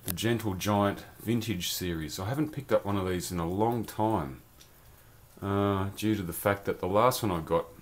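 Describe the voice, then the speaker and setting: Low-voiced man chatting about toys. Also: moderate pace, slight background noise. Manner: chatty, rambling, loose slang. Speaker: toy collector vlogger. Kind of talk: casual toy review vlog. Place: home beer cellar, dim.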